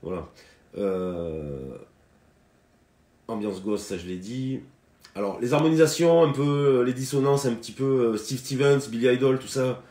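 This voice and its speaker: A man's voice: medium pitch, a little slow, warm tone. A man giving a casual live guitar lesson, talking in a hesitant way full of fillers and restarts, and greeting viewers by name. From France. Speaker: guitar teacher on a live stream. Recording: roomy sound with guitar playing.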